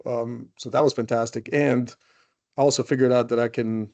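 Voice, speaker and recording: A man's voice: mid-range voice, steady tone, moderate pace, a little mellow, lo-fi sound. A man in his forties from Croatia, a guest in a casual interview, talking loosely with many "you know"s and restarts. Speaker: guest, company CEO.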